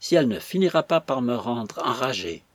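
A man voicing a put-upon young knife-grinder who whines and complains, with a husky voice. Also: medium pitch, big pitch swings, fairly quick, no room sound. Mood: exasperated. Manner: whining, exasperated.

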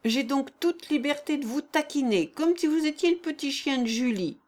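A woman reading aloud and voicing a brash, mocking dead man who speaks loudly and taunts the others. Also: high voice, expressive, moderate pace, pitched above the performer's own voice. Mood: taunting. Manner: loud, taunting, boastful.

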